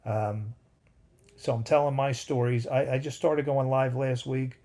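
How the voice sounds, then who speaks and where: A man in his fifties talks on a casual home livestream. His voice is gravelly and dark. He rambles through an old story and keeps stopping to say hi to viewers in the chat. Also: medium pitch, fairly even intonation, unhurried. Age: 50s. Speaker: livestream host.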